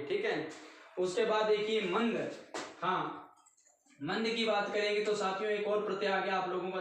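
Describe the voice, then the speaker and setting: A man's voice: sits high, a bit bright, recorded from a distance, a little hiss or hum. A man teaching a grammar lesson, repeating word lists and checking in with "theek hai" after each one. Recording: very echoey room, recorded from afar.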